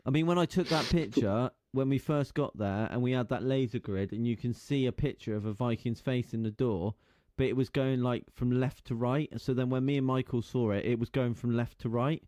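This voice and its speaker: A man's voice: mid-range voice, brisk, hardly any pauses, no echo. English male co-host, laid-back and meandering, dry studio sound. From England. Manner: relaxed, trailing, filler-heavy speech. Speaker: podcast co-host. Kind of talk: casual chat.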